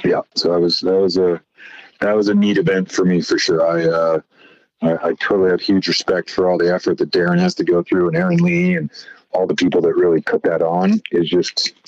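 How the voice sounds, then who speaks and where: A deep, low-voiced man chats casually as a podcast guest, circling through his stories with constant "you know"s. The sound is dry and close, a bit dull and lo-fi. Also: a little fast, no echo. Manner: rambling, many fillers like "you know" and "right?". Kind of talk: casual conversational storytelling. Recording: slightly dull lo-fi audio.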